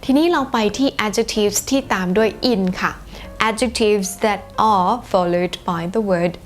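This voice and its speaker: Slow, patient Thai woman teaching. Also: medium pitch. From Thailand. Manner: slow, carefully repeated example sentences. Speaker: English teacher. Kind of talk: bilingual lesson explaining grammar.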